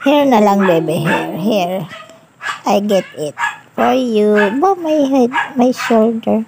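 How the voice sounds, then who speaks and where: A woman, a babysitter filming herself as she coos and hushes a toddler in soft baby talk that drifts into English. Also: mid-range voice, expressive, slow pace, creaky, noisy background. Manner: mixes English words into her talk. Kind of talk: vlog, talking to a toddler.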